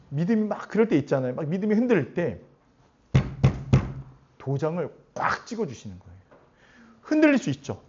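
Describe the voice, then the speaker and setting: Male pastor preaching, voice jumps all over, kinda high, muffled lo-fi sound. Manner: animated, asks the congregation questions. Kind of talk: sermon. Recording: dull lo-fi recording.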